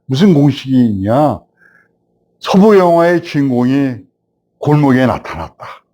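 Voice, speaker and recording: A man in his seventies, a film director, telling a host stories from his past and growing animated as he recalls it. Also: mid-range voice, unhurried. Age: 70s. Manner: animated storyteller, rising when recalling the past. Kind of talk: reminiscing storytelling.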